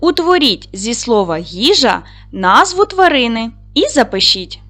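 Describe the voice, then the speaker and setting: A woman's voice: on the high side, big pitch swings, a little slow, a bit bright. A woman teaching a recorded lesson to young schoolchildren, asking them questions, answering them herself and praising them often.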